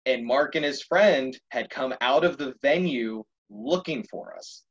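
Animated young man telling a story. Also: mid-range voice, unhurried, slightly rough, lo-fi sound. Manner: animated, laughs often, swears casually. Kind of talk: casual storytelling.

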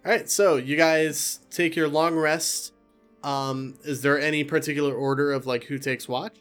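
Give me a man running a tabletop game, casual and halting, a bit high, with faint music behind. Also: steady tone, a bit bright. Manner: casual, halting descriptions with fillers. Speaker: dungeon master.

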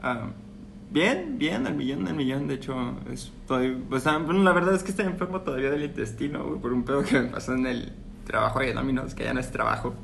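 A young man with a Mexican accent chats loosely on a podcast, his voice gravelly with vocal fry. He talks in crude slang and laughs easily. The recording carries a clear layer of background noise. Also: mid-range voice, a little fast, fairly bright tone. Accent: Mexican Spanish. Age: 20s. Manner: slangy, profane, laughs often. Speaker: podcast co-host. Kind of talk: casual chat.

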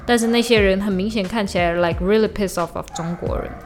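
A woman hosts a solo podcast, speaking in a heated, blunt way full of swearing and casual English slang. Her voice sits at an ordinary middle pitch for a woman. A soft lo-fi hip-hop beat plays quietly behind her. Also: brisk, over music. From Malaysia. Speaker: podcast host. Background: faint lo-fi hip-hop beat.

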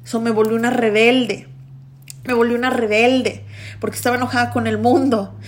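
A woman's voice: a little high, level tone, normal speed, a little hiss or hum. A young adult woman hosting a motivational podcast, talking intensely and emphatically. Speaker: podcast host.

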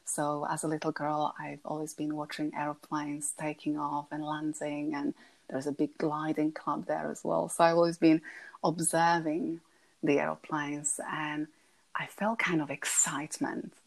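A woman in her thirties with a Slovak accent speaks as a podcast guest. Her voice sits low and stays quite flat in pitch. She is soft-spoken and pauses often to find her words. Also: gravelly. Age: 30s. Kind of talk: conversational interview.

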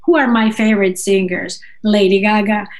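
A singer-songwriter whose first languages are Russian and Georgian speaks in a steady, mid-range voice as a guest in a casual interview. She talks haltingly, searching for words and checking in with "right?".

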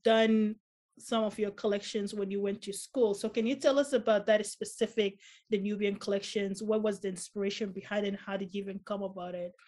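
A woman's voice: medium pitch, level tone, a little fast, a little mellow. A woman hosts a casual interview in an upbeat, friendly manner. She asks open questions and keeps the guest going with short, encouraging replies. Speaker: interview host.

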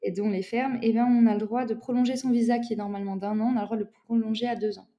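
A woman's voice: a little high, fairly even intonation, fast talker, mellow, muffled recording. A young woman from France, a guest in a casual interview, talking loosely with many fillers and restarts.

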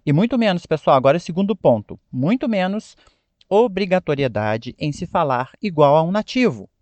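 A man's voice: fairly high pitch, fairly quick, dry recording, lo-fi sound. A man from Brazil with a Brazilian Portuguese accent, teaching an English pronunciation lesson online and talking straight to his viewers, often checking in with "ok?". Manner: lively, addresses viewers directly, keeps asking "ok?".

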